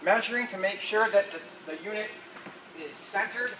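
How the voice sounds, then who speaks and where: A high-pitched man, talking at normal speed, demonstrates an assembly and gives practical, informal instructions step by step. Recorded in a noisy room, his voice drifts closer to and farther from the mic.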